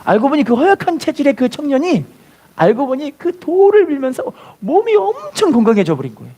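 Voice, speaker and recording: A man's voice: very high-pitched, huge pitch swings, a little fast, warm tone. A man preaching a sermon as pastor, telling a story and acting out its voices, then leading the congregation to repeat after him. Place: church.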